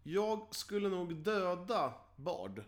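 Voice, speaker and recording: A young man with a fairly high voice trades crude, joking banter in a casual chat. He sounds loose and informal, like a co-host riffing with a friend. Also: big pitch swings. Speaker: podcast co-host.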